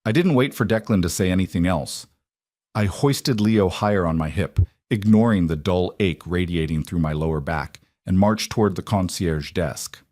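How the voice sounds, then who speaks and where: A man narrating a first-person romance story in a steady, even reading. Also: deep voice, normal speed, no room sound, studio quality.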